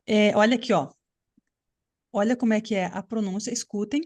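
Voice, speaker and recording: A woman's voice: mid-range voice, normal speed, a little mellow. A woman English teacher giving a live online class on a video call, explaining patiently and checking often that students follow.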